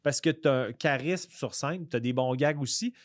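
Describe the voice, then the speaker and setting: A man with a Québécois accent chatting casually as a comedian guest on a podcast, rambling with many halting restarts. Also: mid-range voice, no room sound, clean studio sound.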